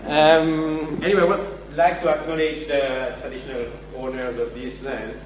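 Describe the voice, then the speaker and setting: The keynote speaker is a French man with a French accent whose fairly high voice barely moves in pitch, at normal speed. Addressing a large conference venue, he's joking and self-deprecating; a distant mic captures him in a very echoey hall with a faint hum.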